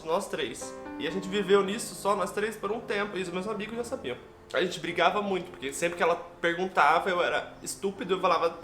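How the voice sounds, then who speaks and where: A young man with a Brazilian Portuguese accent, telling a personal story to his viewers in a heartfelt, emotional way. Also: high voice. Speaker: vlogger. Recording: echoey room with background music.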